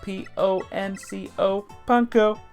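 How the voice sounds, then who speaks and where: A woman voicing a cheerful female guide robot in a bright, singsong announcer manner, with a put-on robot voice. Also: medium pitch, steady tone, slow pace, soft background music, voice pushed up. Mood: chirpy. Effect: robot voice, put on by the reader. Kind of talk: fan voice acting of a game.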